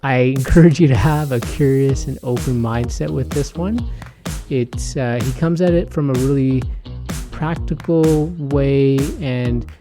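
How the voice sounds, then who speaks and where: Music sits under a man's unhurried, mid-range voice as he hosts a podcast. He opens the show and chats with his guest in a casual, conversational manner.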